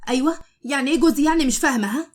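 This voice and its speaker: A woman with an Egyptian Arabic accent voicing a sharp-tongued, stubborn young wife who scolds her husband and her brother. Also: sits high, very fast, close to an everyday voice. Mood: sassy. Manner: sassy, scolding.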